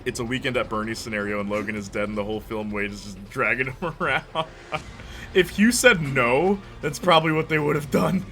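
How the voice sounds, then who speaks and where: Talking a little fast in a bright, forceful medium-pitched voice, a male streamer jokes around and chats with viewers mid-game, laughing frequently. There's noisy hiss behind him.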